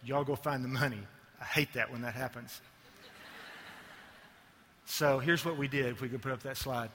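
A man's voice: mid-range voice, fairly even intonation, normal speed, fairly bright tone, in a large hall, slight background noise. A male ad agency executive giving a conference keynote, full of joking, self-mocking asides.

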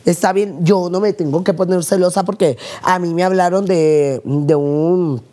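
Low-voiced woman, candid chatter. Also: steady tone, moderate pace, mellow. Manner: candid, storytelling, teasing. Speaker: podcast co-host. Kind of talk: casual chat.

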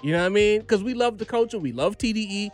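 A man with a high, very lively American voice hosts a casual hip-hop podcast. He ribs loudly and opinionatedly, swearing and repeating phrases for emphasis, over faint music. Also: fast talker. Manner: slangy, profane. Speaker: podcast host.

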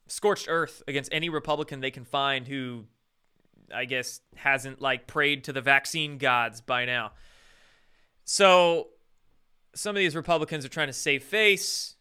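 A man's voice: on the high side, slow pace, long pauses, sharp tone, smooth. A male host doing live-stream commentary, ranting with sarcasm and frequent swearing.

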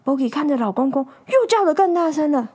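A woman telling a children's story, animated and asking her young listeners to join in. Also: sits high, a little fast.

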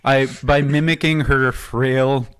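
A man's voice: medium pitch, fairly even intonation, slow pace, a bit bright, smooth, dry recording. A man with a mid-range voice co-hosting a podcast, cracking jokes and laughing as he talks. The sound is dry and close. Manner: jokey, laughs through his lines. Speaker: podcast co-host. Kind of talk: casual comedic chat.

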